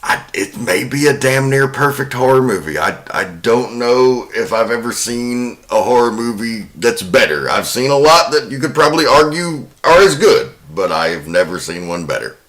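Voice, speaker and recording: The host of this film podcast, a man, speaks in a mid-range, expressive and slightly bright voice at a moderate pace, with hardly any pauses. He delivers scripted narration of a film plot and round-table film talk like a dramatic storyteller. There's a roomy echo and faint music in the recording.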